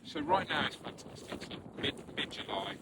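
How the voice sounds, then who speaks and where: A man's voice: mid-range voice, big pitch swings, normal speed. A man, a samphire picker, chatting casually and explaining things in a plain-spoken, informative way. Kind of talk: casual guest chat. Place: outdoors on coastal marshes. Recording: distant outdoor mic with clear ambient noise.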